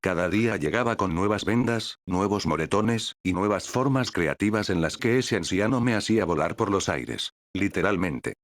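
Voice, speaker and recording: Deep-voiced storyteller. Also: male voice, animated, normal speed, hardly any pauses, no echo. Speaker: fanfic narrator. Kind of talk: first-person story narration.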